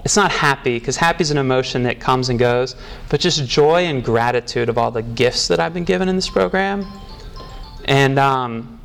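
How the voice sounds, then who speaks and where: A man giving personal testimony at a recovery meeting, halting and reflective, moved close to tears. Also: medium pitch, gravelly, fairly bright tone. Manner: halting and reflective, with pauses and restarts.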